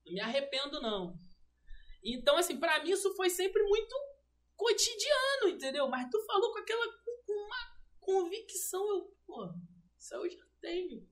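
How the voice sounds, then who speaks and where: A woman's voice: extremely high pitch, moderate pace. A woman, a guest telling a personal story in casual slang and acting out the dialogue. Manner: animated, slangy, acts out quoted dialogue. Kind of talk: emotional personal storytelling on a livestream.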